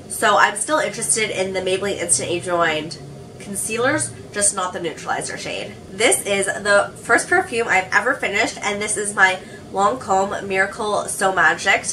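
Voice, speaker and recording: A woman's voice: medium pitch, pushed and bright, recorded from a distance, slight background noise, rough recording. A young woman chatting casually as a beauty vlogger, sounding a little sick with a cold and saying "like" a lot. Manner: chatty, says "like" often. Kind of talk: casual chat.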